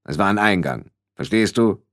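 A man voicing a grave skeleton figure of death with a heavy, rumbling voice and slow, measured speech. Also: lively intonation, fairly bright tone, no echo, clean studio sound. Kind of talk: audiobook character voice.

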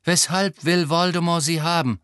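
A man's voice: on the high side, steady tone, moderate pace, fairly bright tone, smooth, dry recording, clean studio sound, pitched above the performer's own voice, lightly acted. A man playing a defiant teenage boy wizard. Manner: defiant, provoking. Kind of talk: audiobook character voice.

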